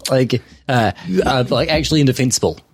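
Male podcast co-host, mid-pitched, stammering casual delivery with dry wit, dry close mic. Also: no room sound. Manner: halting, many fillers and repeated starts, dry humor. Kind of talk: casual film podcast chat.

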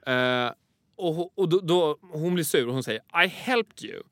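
A man's voice: fairly high pitch, no room sound. A man casually telling a funny anecdote, acting out the people in it and laughing often. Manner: animated, acts out quoted voices, laughs often. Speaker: storyteller.

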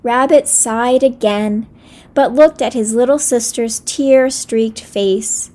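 Gentle woman reading a children's story. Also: a little high, slow.

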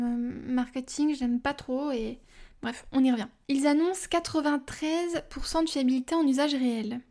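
Young woman, high voice, chatty podcast host, casual asides and fillers. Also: darkish tone.

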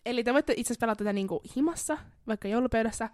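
A woman's voice: on the high side, darkish tone, dry recording, clean studio sound. A woman co-hosting a casual podcast game, playful and giggly, sometimes dropping to a near whisper. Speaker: podcast co-host.

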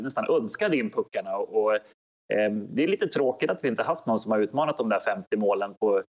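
A man with a medium-pitched voice gives anecdotal sports commentary. His phrasing is halting and circles back as he goes. The recording is a little dull. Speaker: studio commentator. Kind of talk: anecdotal hockey discussion.

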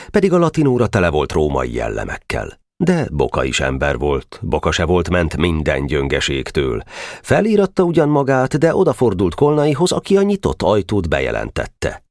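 A man narrating a novel as an audiobook, telling it expressively on a close mic. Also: no echo. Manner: expressive storytelling with wide pitch swings. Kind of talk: novel reading.

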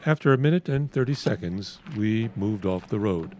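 A man's voice: fairly low pitch, expressive, moderate pace, dark tone, a little hiss or hum. A man reading scripted documentary narration as the narrator of a report.

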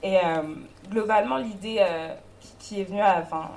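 A woman's voice: medium pitch, moderate pace, darkish tone. A woman reporting a workshop's findings to a group, hesitant, with many fillers and restarts. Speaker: workshop spokesperson.

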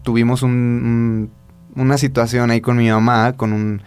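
A man's voice: medium pitch, little pitch movement, moderate pace, darkish tone, clean tone. A man with a Mexican accent, co-hosting a podcast, telling a spiritual story in casual talk full of restarts and fillers. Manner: rambling with many restarts and fillers. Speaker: podcast co-host.

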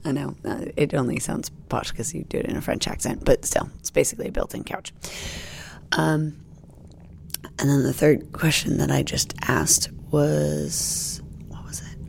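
A woman's voice: sits low, gravelly. A woman comedian from the United States, a guest in a casual interview chat, who rambles with many fillers and restarts.

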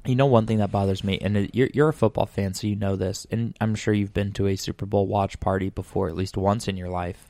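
A man's voice: fairly low pitch, fairly even intonation, fairly quick, vocal fry, hardly any pauses, mellow. A man from Arizona co-hosting a podcast, chatting casually and joking with plenty of fillers. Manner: rambling, joking, lots of fillers. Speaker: podcast co-host. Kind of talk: casual chat.

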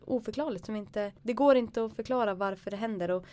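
A young woman telling a childhood ghost story in casual chat, animated and acting out her own lines. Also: mid-range voice.

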